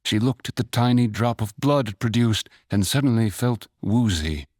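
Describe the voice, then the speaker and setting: A man narrating a fantasy short story in a measured, even storytelling manner. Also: medium pitch, no room sound, studio quality, close to an everyday voice. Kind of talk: scripted audiobook narration.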